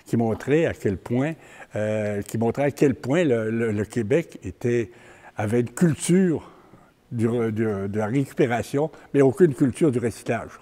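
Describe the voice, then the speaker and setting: Older man, Québécois accent, community talk; stop-start, repeats himself, warm low-key timbre. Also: expressive. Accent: Québécois French. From Quebec. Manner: halting, repeats words, plain-spoken. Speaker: community organizer giving a talk. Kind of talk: public talk with personal stories.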